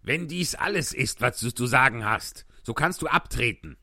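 A man voicing an irritable old king in a storybook reading, loud and blustering. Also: mid-range voice, animated, normal speed, no echo, studio quality, pitched above the performer's own voice. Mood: stern.

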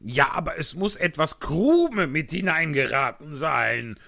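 Man as a scornful storybook Hatter, gravelly, sharp-edged, voice swooping high and low. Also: big pitch swings, unhurried, heavily acted. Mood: grumbling. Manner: curt and scornful. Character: grumpy, fussy adult male Hatter. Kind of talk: audiobook drama reading.

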